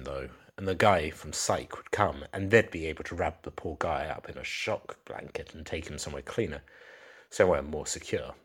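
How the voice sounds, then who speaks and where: A man reading a crime story aloud in steady, measured narration. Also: very deep voice, slightly rough. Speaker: story reader.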